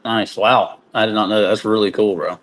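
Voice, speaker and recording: A man co-hosting a casual podcast interview who reacts with enthusiastic, quick exclamations. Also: lowish voice, steady tone, fairly bright tone. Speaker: podcast co-host.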